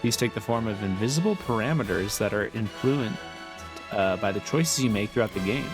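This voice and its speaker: A man's voice: on the low side, lively intonation, a little fast. A man giving casual, jokey, irreverent gameplay commentary. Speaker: gamer playing on camera or stream. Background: game music.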